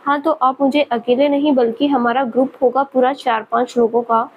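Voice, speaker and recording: A sulky, spirited young student girl with a bright, higher voice , as a storybook narrator does her. She pleads, pouts and bickers in a quick, pleading way. A faint hiss runs underneath. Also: level tone, lo-fi sound, lightly acted. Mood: pouty. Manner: pleading, pouty.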